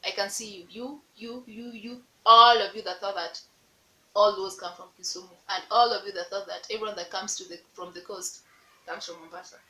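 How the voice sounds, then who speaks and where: A young Kenyan woman with a Luo accent vlogs straight to camera in an echoey room, playfully teasing the viewer with repeated rhetorical questions. Her mid-range voice is bright and forceful, fairly quick, with fairly even intonation.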